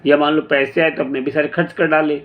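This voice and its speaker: A man giving a casual motivational talk, unhurried, thinking aloud with pauses and restarts and mixing in English phrases. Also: a little high, little pitch movement, highs cut off. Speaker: motivational speaker.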